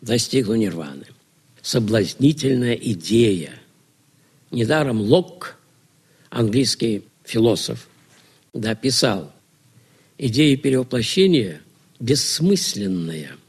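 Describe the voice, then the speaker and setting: Male lecturer, gravelly and husky, rhetorical questions answered in turn. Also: medium pitch, very animated, takes it slowly, pauses often. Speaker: lecturer on religion. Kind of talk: lecture to students.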